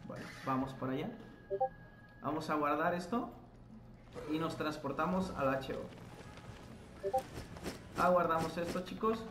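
Brief: male game tutorial host, fairly high voice, chatty and self-correcting, echoey room with faint hiss. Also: lively intonation, slow pace, pauses often. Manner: chatty, addresses viewers as "chicos", self-corrects while explaining. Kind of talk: casual gameplay tutorial.

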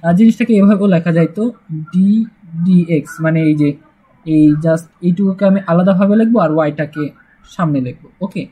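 A man's voice: high-pitched, a little fast, mellow, husky, rough recording. A man teaching a casual math lesson, chatty and joking, with frequent "uh" fillers. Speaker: math tutor.

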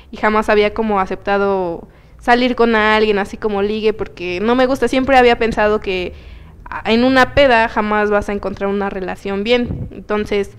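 A young Mexican woman co-hosting a chat show, telling a story in an animated, slangy, playful way. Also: medium pitch, smooth. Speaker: co-host. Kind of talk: casual chat.

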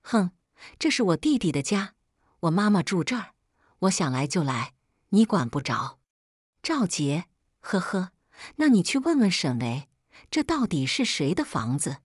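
A woman's voice: fairly low pitch, very animated, unhurried, long pauses, slightly rough, no echo, studio quality, exaggerated voice. A woman voicing a pushy sister-in-law who speaks in an indignant, scornful way.

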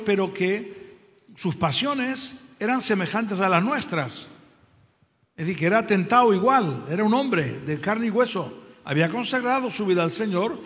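A man preaching a sermon in a church, calling for applause and amens and retelling a story with hesitations and dramatic pauses. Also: high voice. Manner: calls out for applause and amens, loud exclamations. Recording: long hall reverb.

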